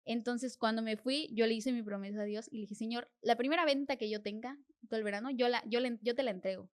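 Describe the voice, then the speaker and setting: As a podcast guest, a young woman with a fairly high, steady voice shares her faith testimony at a fast clip. She speaks earnestly and sincerely, telling it as a story and replaying her prayers as little conversations with God.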